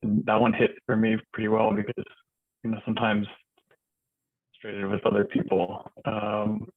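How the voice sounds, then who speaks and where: A man in an online discussion group shares his thoughts in a halting, reflective way while his call audio keeps breaking up and cutting out. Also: fairly low pitch, flat delivery, dry recording. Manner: halting and reflective, many ums and restarts. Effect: choppy audio breaking up and cutting out. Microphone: video call mic. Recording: tinny, dry, glitchy call audio.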